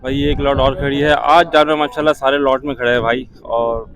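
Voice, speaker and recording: A Pakistani man with an average-pitched voice hosts a casual market vlog outdoors. He addresses viewers like brothers, puts short questions to traders and repeats what they say. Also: little pitch movement, brisk, a bit bright. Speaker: vlogger and host touring a cattle market. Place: outdoor livestock market on a windy day.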